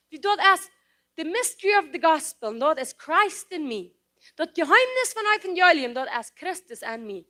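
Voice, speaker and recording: Woman preacher, very high and animated, emphatic and repetitive, mixes in English. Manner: impassioned, emphatic preaching with repeated phrases; mixes English words into her speech. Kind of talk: sermon.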